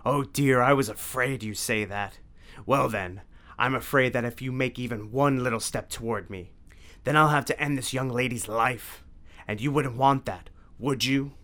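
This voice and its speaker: A man's voice: medium pitch, moderate pace, fairly bright tone, lightly acted. A man voicing a menacing, theatrical male vampire count who sneers and mocks. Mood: mocking. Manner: sneering, mocking, grandiose.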